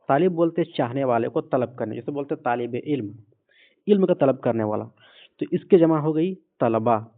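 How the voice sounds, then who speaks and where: A man with a slightly high voice teaches vocabulary one word at a time. He repeats each term patiently. The audio is thin and phone-like. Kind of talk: vocabulary lesson.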